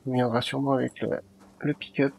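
A man's voice: medium pitch, fairly even intonation, brisk, creaky, a little mellow, husky, rough recording. A man giving casual let's play commentary, muttering and thinking aloud to himself.

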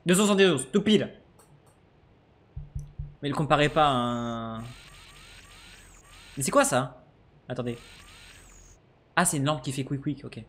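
A man giving casual let's-play commentary, swearing freely and swinging between low mutters and sudden excited shouts. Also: a little slow, long pauses. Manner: swears casually, jokey asides. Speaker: gaming streamer.

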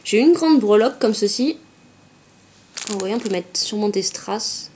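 A woman's voice: medium pitch, animated, moderate pace, a little mellow, slight background noise. A woman vlogger chatting casually as she unboxes craft supplies at home, often saying euh and hop. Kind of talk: casual unboxing show-and-tell.

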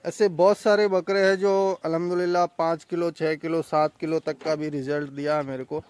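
A young man, a goat farm owner, talking casually outdoors in a boastful sales pitch for his own farm vlog. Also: level tone, fairly quick, a little mellow, no echo. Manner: chatty, boastful sales talk.

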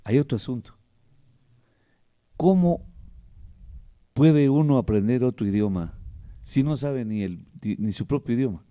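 A man's voice: mid-range voice, expressive, measured pace, long pauses, dark tone. A man hosting a casual radio interview, joking and emphatic with teasing asides. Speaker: radio host. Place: radio studio.

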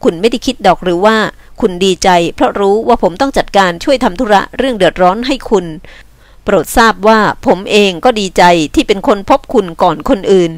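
Curt, gruff young man in a read-aloud novel, voiced by a woman reader, dry close sound. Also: medium pitch, brisk, no room sound, lightly acted. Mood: earnest. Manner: curt, scolding. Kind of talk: novel reading with voiced dialogue.

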